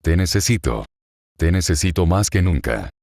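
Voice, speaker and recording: A man's voice: low-pitched, sing-song, normal speed, gravelly, a little mellow, no room sound, studio quality, heavily acted. A man reading the lines of a grieving, furious young woman in a story, pleading and anguished.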